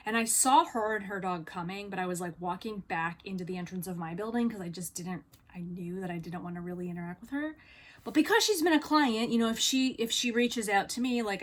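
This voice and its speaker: A woman talks straight to the camera in a relaxed vlog, recounting an awkward encounter. She rambles a little with plenty of fillers, and she slips into the voices of the people she quotes. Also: mid-range voice. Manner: chatty, many fillers, acts out quoted dialogue. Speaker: vlogger on living with BPD. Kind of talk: casual storytelling monologue.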